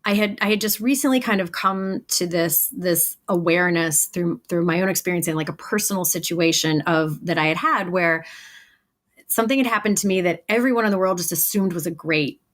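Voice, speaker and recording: A woman's voice: lowish voice, a little fast. A woman, a business coach, answering as a guest in an interview, telling personal stories in a reflective, earnest way. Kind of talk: conversational interview storytelling.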